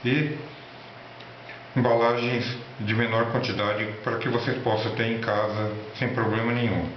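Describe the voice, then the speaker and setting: A man with a Brazilian accent giving an informal electronics tutorial and product rundown in a halting, instructional way. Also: mid-range voice, level tone. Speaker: electronics hobby presenter. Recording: roomy, echoey, dull lo-fi with faint noise.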